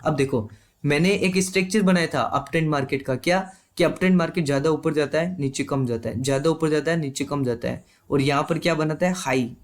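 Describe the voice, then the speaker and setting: A man's voice: a little high, fairly quick. A man teaching a live online trading class. He explains step by step and keeps checking with his students.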